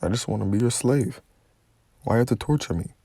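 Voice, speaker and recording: A man putting on a mocking, high, drawn-out pleading voice for a whining man who begs. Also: expressive, creaky, mellow, no echo, clean studio sound. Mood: mocking whine.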